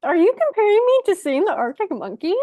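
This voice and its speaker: A woman's voice: extremely high pitch, sing-song, a little fast, dark tone, dry recording, dull audio. An American woman guesting on a podcast, talkative and rambling in casual chat. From United States.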